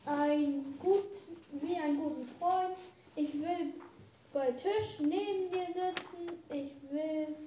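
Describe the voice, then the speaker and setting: Woman playing a clingy fairy-tale frog, very high voice, unhurried, echoey room. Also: mellow. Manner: pleading, insistent. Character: pleading talking frog, male, clingy. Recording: echoey room, faint background noise.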